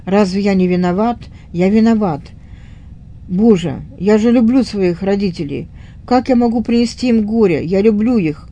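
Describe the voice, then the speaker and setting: A woman's voice: mid-range voice, normal speed, mellow, lo-fi sound, close to an everyday voice. A woman voicing a frightened, remorseful young schoolboy in a retold story, pleading and despairing.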